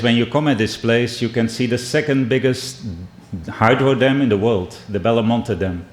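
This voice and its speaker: A middle-aged man from the Netherlands with a Dutch and Brazilian accent, giving a measured keynote speech and telling stories, often pausing and restarting. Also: medium pitch. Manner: measured, with frequent restarts and pauses. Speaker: keynote speaker. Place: indoor conference hall. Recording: echoey hall.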